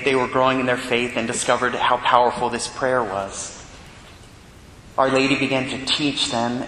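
Priest guy giving a homily, calm earnest pacing, big cathedral echo, long church reverb. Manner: measured, earnest preaching with pauses. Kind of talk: gospel reading and homily. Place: large church. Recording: echoey church hall with faint rumble.

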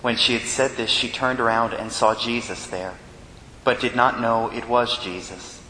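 Priest preaching in a cathedral echo. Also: male voice, steady tone, pushed and bright. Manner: measured, earnest preaching with pauses. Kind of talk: gospel reading and homily. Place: large church. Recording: echoey church hall with faint rumble.

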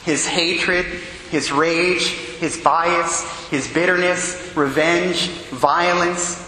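A man, a priest, reads the gospel and preaches a sermon in a large church, in a measured, solemn way, and his voice rings with cathedral echo. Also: fairly high pitch, steady tone, sharp tone. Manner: measured, solemn reading that turns earnest and quick in the homily. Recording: cathedral echo with long reverb, faint hum.

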